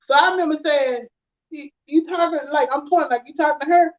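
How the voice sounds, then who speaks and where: A woman, telling stories in an animated, casual chat with frequent laughter. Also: high voice, fairly quick. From rural Alabama, USA. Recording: dull lo-fi sound.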